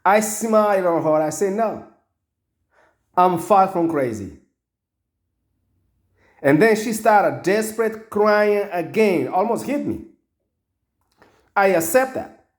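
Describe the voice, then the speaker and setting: Slow, high-voiced man telling a story. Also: a little mellow, roomy sound. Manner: halting, with non-native grammar. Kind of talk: personal story told aloud.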